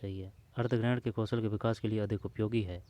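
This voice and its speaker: Talking quickly in a lowish, mellow voice with fairly even intonation, a male exam prep teacher works through past exam questions. He addresses the listener casually and repeats each answer option as he checks it.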